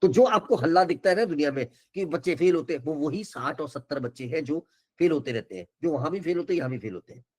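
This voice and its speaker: A man's voice: fairly high pitch, lively intonation, quick pace, darkish tone, slightly rough. An older man, an education counsellor giving an earnest, reassuring webinar talk that keeps switching between Hindi and English.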